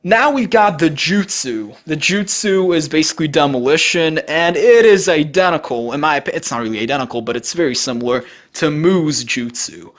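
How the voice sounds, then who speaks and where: A man's voice: a little high, animated, moderate pace, hardly any pauses. A man giving casual voice-over commentary on game footage, talking informally and rambling with plenty of fillers and the odd swear. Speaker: gaming video creator.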